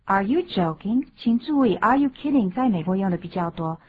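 A woman co-hosting a radio English lesson, reading dialogue lines slowly and clearly and adding short notes in Mandarin. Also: medium pitch, lively intonation, narrow, tinny audio, slight background noise. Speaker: English co-host.

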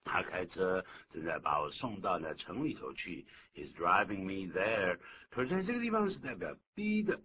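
A low, older male voice, his pitch swinging widely as he explains English phrases for radio listeners. The recording is dull and lo-fi, with a clear hiss of noise underneath. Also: normal speed, few pauses. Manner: lively explaining, acts out complaints. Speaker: English teacher, radio host. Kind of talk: bilingual radio English lesson.

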